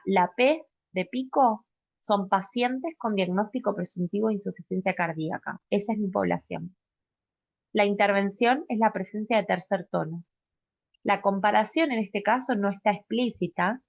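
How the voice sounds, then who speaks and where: A woman teaches a medical class at a medium pitch, walking through examples and checking in with a quick "¿sí?". The sound is muffled and lo-fi, and the room is dry with no echo. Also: creaky. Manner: explanatory, often checks in with a rising "¿sí?"; fillers and self-corrections while explaining. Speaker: pediatric residency lecturer. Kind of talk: recorded medical class lecture.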